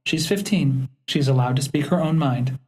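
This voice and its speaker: A man reading as a calm, firm mother of a teenage girl who stands up to a hostile neighbor. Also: on the high side, moderate pace, close to an everyday voice.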